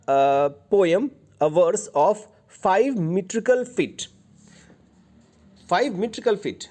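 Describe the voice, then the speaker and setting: A male literature teacher with a high but dark-toned voice gives an exam-prep lecture in Hindi mixed with English terms. He explains patiently and repeats the key points.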